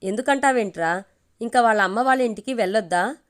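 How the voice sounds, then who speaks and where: A woman's voice: on the high side, fast, lightly acted. A woman voicing an affectionate middle-aged mother in a read-aloud story, teasing and tender in turn.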